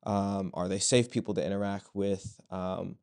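A young man in his twenties from Virginia, a student guest answering interview questions thoughtfully, with pauses and fillers. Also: low-pitched, fairly even intonation, darkish tone, smooth. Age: 20s. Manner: measured, with frequent pauses and fillers. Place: bright office room with large windows.

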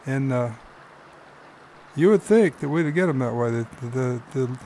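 A man with an ordinary, middle-pitched voice talks through his fishing footage in a relaxed, folksy way. He explains as he goes, plainly and unhurried. A soft wash of background noise sits under him. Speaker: fly-fishing guide and host. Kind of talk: narrating his own fishing video.

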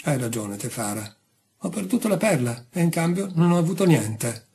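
A man's voice: a little high, very animated, normal speed, creaky, warm tone, husky, exaggerated voice. A man voicing a worried island husband in a read-aloud story, earnest and flustered. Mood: resigned. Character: frightened, worried island husband, pearl diver.

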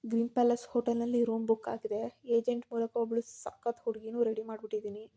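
A woman's voice: fairly high pitch, completely flat delivery, a little fast, mellow, lightly acted. A woman voicing a brash young man who boasts breezily to his friend. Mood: breezy.

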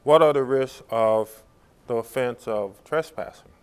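Smooth-voiced man, halting public service announcement. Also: medium pitch. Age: middle-aged. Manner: halting, measured delivery with frequent pauses. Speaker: police chief hosting a public information talk. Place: small indoor studio.

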